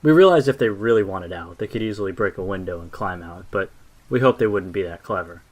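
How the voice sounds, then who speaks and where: A man narrating a horror story in a low, hushed voice with dark asides. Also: lively intonation, fairly quick.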